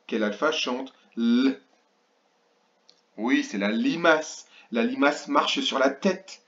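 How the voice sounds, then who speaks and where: A male teacher leads a remote lesson for small children, taking his time and stretching out each syllable and number so they can follow. His voice sits at a middling pitch, and the recording sounds a little dull and lo-fi. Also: fairly bright tone. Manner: slow, sounds out syllables and counts aloud for children. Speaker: kindergarten teacher.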